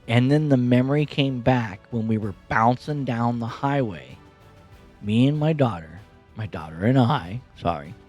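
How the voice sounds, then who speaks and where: A man hosting his own podcast, telling a personal story casually, laughing often and swearing now and then. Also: medium pitch. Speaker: podcast host. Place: bedroom.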